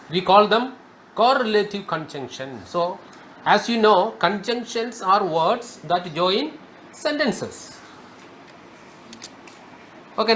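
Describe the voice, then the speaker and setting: Slow, high-voiced man teaching grammar. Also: bright, forceful tone, a little hiss or hum. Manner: slow, emphatic, repeats key words. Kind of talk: spoken grammar lesson.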